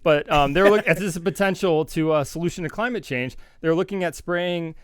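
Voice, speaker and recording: A man's voice: fairly high pitch, fairly quick, clear, resonant tone, no echo, studio quality. A man co-hosting a podcast in casual chat, joking and chuckling between remarks. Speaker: podcast co-host.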